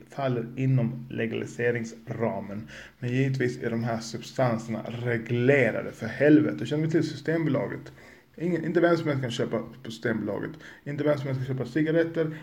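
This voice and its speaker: A man's voice: mid-range voice, creaky, darkish tone. A man hosting a podcast, ranting angrily and swearing emphatically. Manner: angry, profane, emphatic. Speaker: podcast host. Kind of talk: heated podcast rant.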